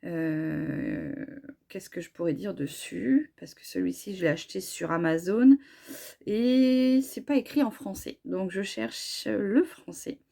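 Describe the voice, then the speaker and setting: A middle-aged woman with a hoarse voice from a cold, chatting casually about her hair products with many fillers and restarts. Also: medium pitch, takes it slowly, mellow. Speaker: beauty vlogger.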